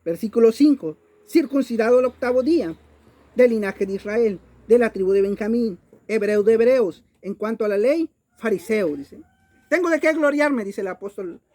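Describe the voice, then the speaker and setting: A woman's voice: sits high, a little mellow. A Mexican woman preaching a Bible-study sermon in an emphatic way, often repeating words as she searches for the next phrase.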